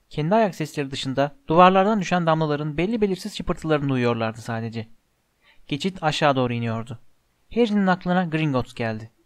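A man reading a storybook aloud in a measured, steady way, close to the mic. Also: a little high, no room sound. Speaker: audiobook narrator. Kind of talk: storybook narration.

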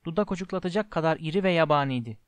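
Man with a fairly high voice narrating a storybook. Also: very fast, smooth, no echo. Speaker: audiobook narrator.

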